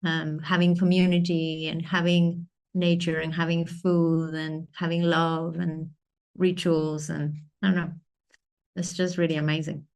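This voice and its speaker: A woman from Argentina, a podcast guest, talking thoughtfully and searching for words with many pauses. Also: sits low, flat delivery. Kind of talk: reflective conversation.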